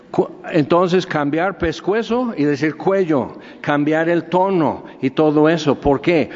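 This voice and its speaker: Pastor preaching slow, kinda high voice, dull sound with long hall echo. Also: male voice, a little mellow. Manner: conversational preaching with asides and questions. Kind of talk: sermon.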